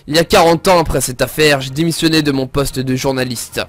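A man voicing a righteous police inspector who makes stern, steady declarations while reading a game's story scenes aloud. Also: medium pitch, a little fast, natural voice.

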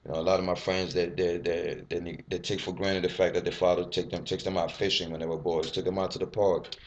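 In a casual personal vlog, a twenty-something fitness vlogger born in Ivory Coast, a native French speaker, talks openly into his desk webcam from a small, bare room. His low voice stays fairly flat and moves along quickly as he rambles and curses freely. The sound is dull.

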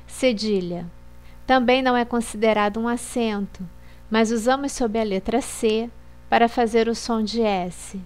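A woman reading a scripted Portuguese lesson on accent marks in a slow, measured, list-like way. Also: a little high. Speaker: Portuguese teacher.

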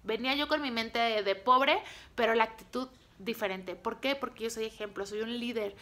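A woman with a Mexican accent speaks straight to her viewers as a direct-sales team leader. She tells her story in quick, punchy bursts and acts out the conversations with lively energy. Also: fairly high pitch. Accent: Mexican Spanish. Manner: animated, acts out dialogue, punchy short phrases.

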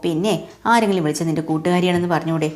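A woman's voice: on the low side, racing, darkish tone, close to an everyday voice. A woman voicing a sulky, demanding young man who talks in an accusing way.

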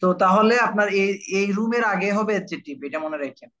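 A man's slightly high voice comes through dull, lo-fi online-class audio. He teaches an IELTS lesson, repeats key terms, and keeps asking his students whether they are following. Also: expressive, quick pace, sharp tone. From Bangladesh. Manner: repetitive, keeps checking understanding with students. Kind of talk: live online class lecture.

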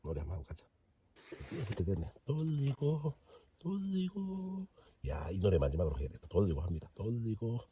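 A man's voice: deep voice, lively intonation, racing, hardly any pauses, dark tone, distant mic, a little hiss or hum. A man with a Gyeongsang accent hosting a fishing vlog on a frozen lake, chatty and joking, talking to himself and the fish. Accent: Gyeongsang Korean. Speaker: fishing channel host. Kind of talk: casual fishing vlog commentary.

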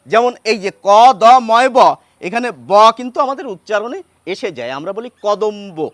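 A man teaching as he writes, patient and unhurried, pausing often with fillers. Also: very high voice, lively intonation, fairly bright tone, no echo. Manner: patient, with many pauses and fillers. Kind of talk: explaining Bengali pronunciation at a board.

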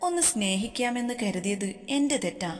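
A woman's voice: mid-range voice, expressive, a little fast, soft background music, lightly acted. A woman reading a teasing, loving young husband. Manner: teasing, affectionate. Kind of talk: storybook reading. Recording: long hall reverb.

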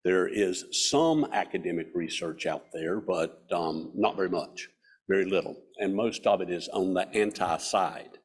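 A man in his sixties with a Southern mountain Appalachian accent, giving a folksy, self-deprecating, informal club speech in a husky voice. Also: low voice, unhurried. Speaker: guest speaker. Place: hall stage at a podium. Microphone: podium microphone.

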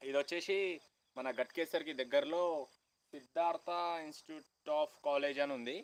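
A young man from Telangana with a Telangana Telugu accent, chatting loudly with viewers on a phone live stream outdoors on a college campus, half-shouting and greeting people by name. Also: a little high, steady tone, a little slow, low-quality recording. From Telangana, India. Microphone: phone held at hand, no external mic.

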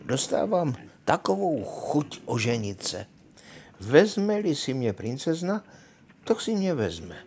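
An older man reading aloud and voicing a cheerful, foolish young peasant who hollers and sings out in high bursts. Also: very animated, a little mellow, slight background noise. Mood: eager.

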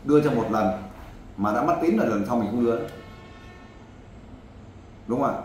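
This man's mid-range voice is expressive and a little mellow, moving at a moderate pace. As a volunteer advisor helping a man track down his wife, he lectures bluntly and keeps talking over him, in an echoey room with faint noise behind.

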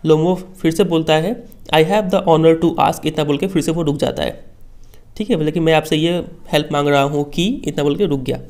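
A man's voice: on the high side, fairly even intonation, brisk, a little mellow. A male teacher patiently explaining a school text line by line, often checking that students follow.

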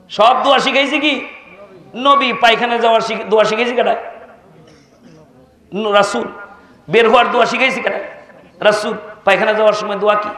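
A man preaching a waz sermon, emphatic and rising to shouts, quizzing the crowd and chanting verses in a sung tone. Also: sits high, reverberant, long reverb tail.

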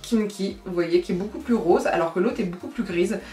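A woman's voice: medium pitch, a little fast, warm tone, soft background music. A woman vlogger from France chatting casually through a makeup tutorial, explaining each step with frequent fillers as she works. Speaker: beauty vlogger. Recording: echoey room.

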